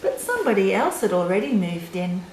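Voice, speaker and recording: An older woman reads a children's picture book aloud in short, simple phrases, adding chatty asides for young listeners. Her mid-range voice is very animated, fairly quick and darkish, recorded with roomy echo and faint background noise.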